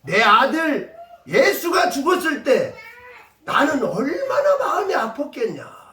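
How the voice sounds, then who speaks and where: God, as a preacher puts him on, speaks in a high, lively voice full of sorrow, pressing each word home. The sound carries from afar through an echoing church. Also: male voice, slow, exaggerated voice. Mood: sorrowful. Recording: echoey church from a distance.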